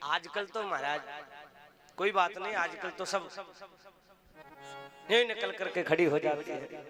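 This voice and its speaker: High-voiced man preaching over accordion music. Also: measured pace. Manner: storytelling, calls on the crowd to chant. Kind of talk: devotional discourse with a folk story. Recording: live talk with accordion music behind.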